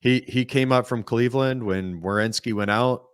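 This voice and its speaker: A man co-hosting a sports podcast, talking casually and at length in a calm, explaining way. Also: mid-range voice, normal speed, clear, resonant tone, dry recording, studio quality. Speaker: podcast co-host.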